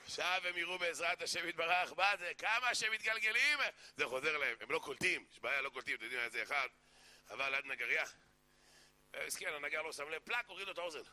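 A man giving a sermon that mixes jokes with Torah teaching, telling stories in an animated way and acting out the characters. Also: fairly high pitch. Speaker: preacher.

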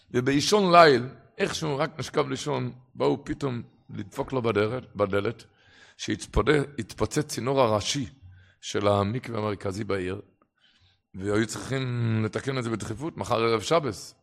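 A man preaching a religious sermon and telling stories, impassioned, with his voice swelling and dropping for emphasis. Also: mid-range voice. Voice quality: gravelly.

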